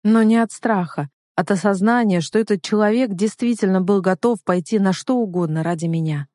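A woman narrating a first-person romance thriller in an even, dramatic storytelling voice. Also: mid-range voice, fairly quick, no room sound, studio quality. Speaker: audiobook narrator.

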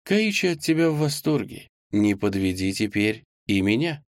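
A man reading a commanding, brisk boss. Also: on the low side, very animated, dry recording, clean studio sound. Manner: assured, directive. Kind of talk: audiobook character voice.

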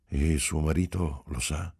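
A man reading aloud plays a reserved young husband who speaks in a measured, reasonable tone. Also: extremely low pitch, fairly even intonation, warm tone, slightly rough, exaggerated voice. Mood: guarded. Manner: reasonable, restrained tone.

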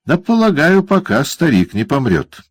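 A man's voice: on the high side, huge pitch swings, moderate pace, no room sound, voice pushed up. A cruel, gleeful dwarf, as a male reader puts him on, barking and snarling in a raised, strained voice that leaps all over. The audiobook voice is recorded dry and close. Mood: gloating. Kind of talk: audiobook character voice.

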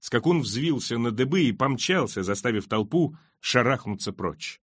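A man reading a fantasy novel aloud as an audiobook, in a steady, expressive storytelling manner. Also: medium pitch, moderate pace, breathy edge, no echo, studio quality. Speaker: audiobook reader. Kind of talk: dramatic audiobook narration.

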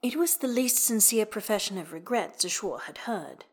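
A woman narrating a novel in steady, even storytelling narration. Her pitch sits in a middle register, and she drops low and hushed at the ends of phrases. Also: moderate pace, slightly rough. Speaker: audiobook narrator. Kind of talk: scripted narration.

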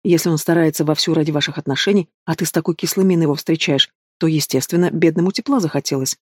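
A man's voice: fairly high pitch, fast, a little mellow, no room sound, clean studio sound, natural voice. A man voicing a blunt, reproachful middle-aged mother who lectures her daughter, in an audiobook. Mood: scolding. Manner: bossy and reproachful.

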